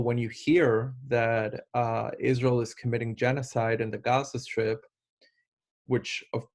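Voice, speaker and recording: An Argentine instructor in his thirties gives an online lecture in an earnest manner, full of fillers and restarts. His voice is mid-range and a little mellow.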